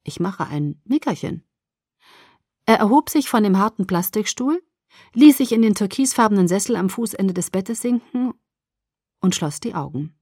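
A woman narrating a novel in the first person, calm and measured. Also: medium pitch, no echo, clean studio sound. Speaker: audiobook narrator.

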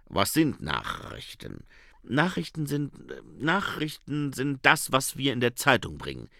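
A man's voice: medium pitch, wildly swooping pitch, measured pace, creaky, pushed and bright, no echo, clean studio sound, exaggerated voice. A man voicing an uneasy, hesitant young male newspaper editor in an audiobook.

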